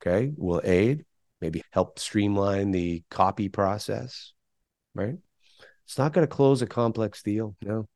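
A man's voice: on the low side, takes it slowly, darkish tone, no room sound, clean studio sound. A middle-aged man, a guest on a podcast interview, speaking emphatically and firing off rhetorical questions. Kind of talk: conversational interview.

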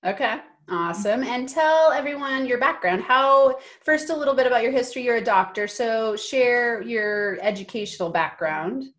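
A woman hosting an interview show, introducing her guest with enthusiasm and quick affirmations. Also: a little high, a bit bright. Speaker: podcast host.

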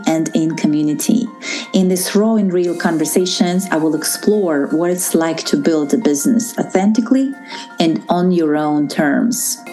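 A woman in her forties with a Kazakh accent hosts a solo podcast. Her voice is low and warm, and she speaks earnestly, often restarting a thought. She is recorded in a roomy, echoey space with faint music underneath. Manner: earnest, reflective, with frequent restarts and fillers. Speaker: podcast host.

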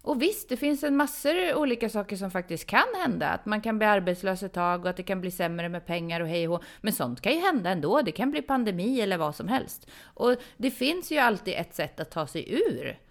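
Woman co-hosting a chatty podcast. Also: mid-range voice. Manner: lively, reads listener messages aloud. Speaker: podcast co-host. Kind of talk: casual chat.

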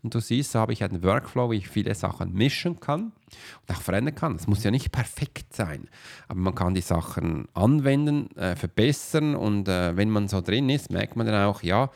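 Low gravelly man rambling on a podcast. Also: expressive, normal speed, a little mellow. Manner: rambling, with many filler sounds. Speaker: podcast host and coach. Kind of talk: casual podcast monologue. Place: at his computer while uploading a video.

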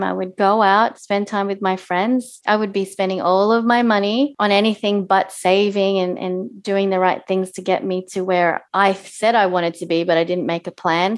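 A young woman, a life coach, telling a personal story in an interview, earnest and often laughing. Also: medium pitch. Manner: earnest, laughs often, acts out her past self.

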